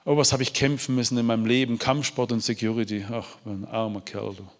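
A man's voice: mid-range voice, level tone, brisk. Heartfelt male preacher in a reverberant hall. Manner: heartfelt, pleading, with frequent restarts and stammered repeats. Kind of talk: emotional testimony and preaching.

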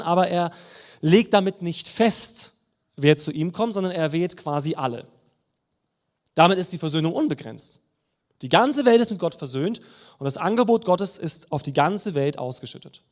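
Male preacher, slightly high voice, animated delivery, explains with rhetorical questions. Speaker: preacher teaching theology. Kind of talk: sermon-style Bible teaching.

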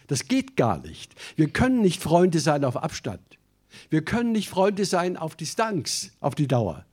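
A man's voice: mid-range voice, a little mellow. A man preaching a sermon, addressing his congregation directly and mixing emphatic declarations with conversational asides. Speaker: pastor.

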